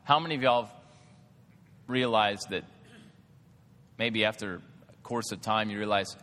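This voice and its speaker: A man in his thirties with a drawl, preaching a sermon in a church hall. He talks in a loose, chatty way and keeps turning questions back to the congregation. His voice is bright and forceful, and a long reverb from the hall trails after it. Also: fairly low pitch, measured pace. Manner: conversational, animated preaching with lots of "like" and questions to the congregation. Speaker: pastor.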